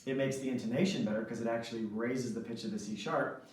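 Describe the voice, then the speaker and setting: A man teaches saxophone fingerings in an instructional lesson, often pausing to ask "right?". His voice sits at an ordinary middle pitch. The recording is heavily echoey, with the mic set back from him. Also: steady tone. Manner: explanatory, frequent "right?" checks. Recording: echoey room, mic at a distance.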